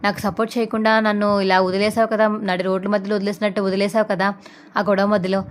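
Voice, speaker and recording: A resentful young wife in a fast spoken story retelling, as a woman puts her on. She complains in quick bursts at a middle pitch. The voice stays close to the storyteller's own. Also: little pitch movement, close to an everyday voice.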